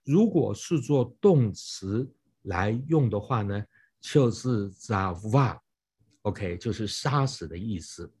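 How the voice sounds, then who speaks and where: Husky man preaching a sermon. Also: fairly low pitch, very animated, measured pace, a little mellow. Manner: explanatory, frequent "hao" and "ne" fillers, rhetorical questions.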